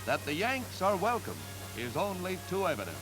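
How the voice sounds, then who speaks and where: Guy with a high voice doing old newsreel narration, punchy announcer style, loud music under it. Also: wildly swooping pitch, low-quality recording. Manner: brisk, emphatic announcer delivery. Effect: old newsreel sound.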